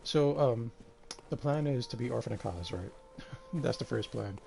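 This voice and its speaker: A man streaming a game live, tired and a bit out of breath, talking in a relaxed, rambling way with lots of fillers. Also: mid-range voice, a little slow, creaky, a little hiss or hum. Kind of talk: casual live-stream commentary.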